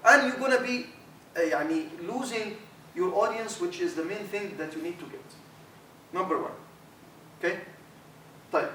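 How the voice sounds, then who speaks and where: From across an echoing lecture room, a distant recording captures an Arabic-accented imam in middle age teaching trainees at a normal speed, with long pauses. His voice is high and animated, he repeats words often, and a faint hiss runs under everything.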